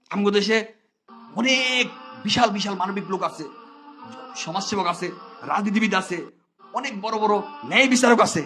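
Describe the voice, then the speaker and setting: A man's voice: high-pitched, sharp tone. A man, a father, speaking, with bitter mock-pleading sarcasm and repeated refrains. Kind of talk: sarcastic social commentary.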